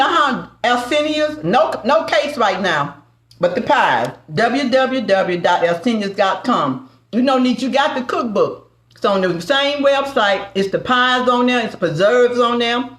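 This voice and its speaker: A woman's voice: on the high side, animated, unhurried, echoey room. Southern woman chatting on a cooking stream. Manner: warm folksy banter with viewers, calls them baby and family. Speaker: cooking show host. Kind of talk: live-stream cooking chat.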